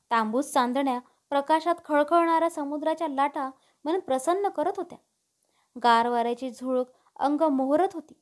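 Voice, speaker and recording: A woman narrating a family story in a steady, expressive reading. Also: high-pitched.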